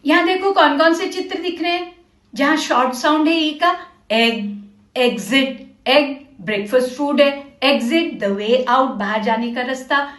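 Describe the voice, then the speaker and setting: Slow, patient high-voiced woman teacher. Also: a bit bright, reverberant. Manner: slow, patient, coaxing, repeats words and asks questions. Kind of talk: literacy lesson for learners.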